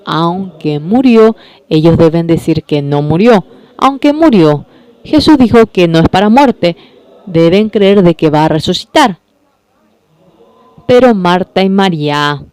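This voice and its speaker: A preacher interpreting a sermon, speaking in slow, repetitive phrases with frequent self-corrections. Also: medium pitch, a little mellow, clean tone, no echo.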